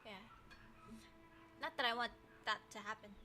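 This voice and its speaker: A woman's voice: fairly high pitch, normal speed. A woman livestreaming a story game, reading narration aloud and adding playful, teasing, slangy commentary. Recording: music behind the voice. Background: game music.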